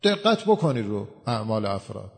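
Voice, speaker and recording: A man's voice: on the low side, very animated, vocal fry. A man giving a religious talk to a gathering, answering questions and explaining with everyday examples. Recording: long hall reverb.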